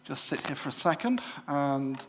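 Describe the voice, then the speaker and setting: A man's voice: on the high side, animated, normal speed, a little hiss or hum. Chatty English man demoing at a show. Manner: chatty, with frequent fillers and self-corrections. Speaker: presenter at a computer club show. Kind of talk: live product demonstration to an audience. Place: exhibition room at a club show.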